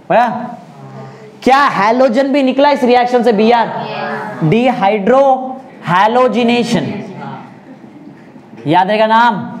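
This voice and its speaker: A man with an Indian accent teaching a chemistry class, drilling students with slow repetition, coaxing and joking. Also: high voice. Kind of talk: classroom lecture.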